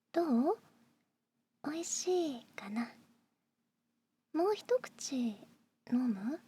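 A young woman in an ASMR roleplay, playing a doting young woman who pampers the listener, speaking in soft, breathy whispers close to the microphone. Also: high voice, full character voice.

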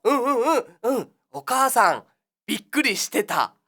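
A woman's voice: fairly high pitch, very animated, moderate pace, fairly bright tone, heavily acted. A woman playing the cheery big-brother host of a children's exercise show, talking in a sing-song, coaxing patter in a comic monologue.

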